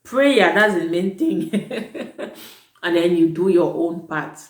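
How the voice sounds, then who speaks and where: This teacher at an international school talks slowly but with animation, her pitch fairly low. Recorded in a room with echo, she offers vlog advice to would-be students in a chatty, emphatic style, frequently revising what she says partway through.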